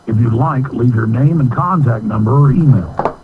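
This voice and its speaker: Man, recorded phone menu announcer, measured even reading, landline phone sound, faint hiss. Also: medium pitch, narrow, tinny audio. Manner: measured, evenly read announcements. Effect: heard over a landline phone.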